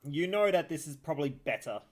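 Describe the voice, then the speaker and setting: A man running a tabletop game as game master, giving relaxed, plain-spoken rulings. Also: fairly high pitch, brisk.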